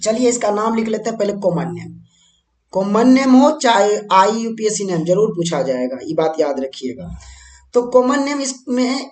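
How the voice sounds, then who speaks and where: In an echoey room, a man from India delivers a board-exam chemistry lesson at the board. His high-pitched voice is a little mellow. He keeps things chatty, firing questions at his students and answering them on his own.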